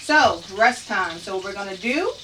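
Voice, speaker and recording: A woman's voice: mid-range voice, expressive, normal speed, background noise. A woman hosting a live cooking demonstration from her kitchen, chatty and upbeat and often laughing. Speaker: cooking show host. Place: home kitchen. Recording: distant mic with loud sizzling pan.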